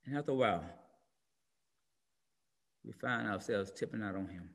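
This middle-aged pastor delivers a fervent sermon from home, his lowish voice with vocal fry moving at normal speed between shouting and near-whispers in a repeating rhythm. Captured by a video call webcam in a room with window blinds, the audio has long reverb.

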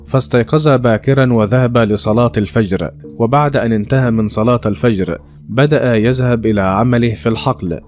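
Male storyteller over faint music. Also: lowish voice. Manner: steady, plain storytelling, addresses listeners as friends. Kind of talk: scripted religious story narration.

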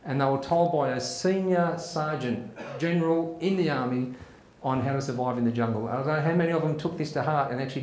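A man's voice: a little high, a little mellow. Chatty man hosting a comedy show. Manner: chatty, rambling, many fillers. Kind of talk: casual stand-up joke telling. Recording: echoey room.

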